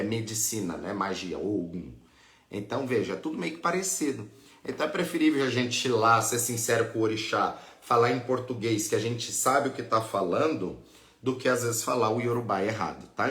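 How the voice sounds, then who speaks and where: A man's voice: medium pitch, fairly bright tone. Brazilian man teaching in an echoey room. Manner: patient, explanatory, adds "né?" and "tá?" often. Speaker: Ifá priest and teacher. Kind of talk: live teaching, answering viewer questions.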